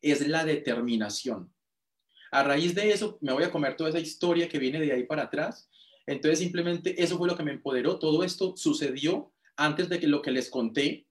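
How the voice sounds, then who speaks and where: A Colombian man giving a motivational talk, telling his own story with emotion and repetition. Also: fairly high pitch. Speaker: motivational speaker. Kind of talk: personal testimony storytelling.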